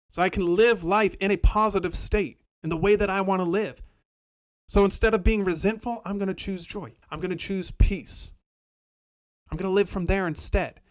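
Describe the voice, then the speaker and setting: Earnest man coaching on self-talk. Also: fairly high pitch. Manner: earnest, repeats himself, acts out inner self-talk. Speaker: podcast host. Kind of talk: self-help monologue.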